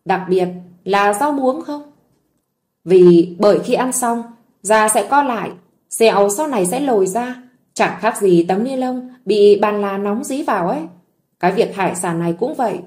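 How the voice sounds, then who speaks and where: A woman's voice: medium pitch, animated, moderate pace, a little mellow, natural voice. A woman voicing a vengeful young wife who speaks in a cold, mocking, harsh way.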